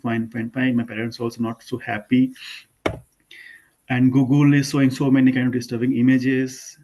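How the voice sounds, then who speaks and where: An Indian man with an Indian English accent talks students through a slide presentation in an online lesson. His voice sits at an ordinary middle pitch. He speaks informally, with "uh", restarts and self-corrections. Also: little pitch movement, normal speed, warm tone, slight background noise, low-quality recording. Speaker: architect giving an online lesson.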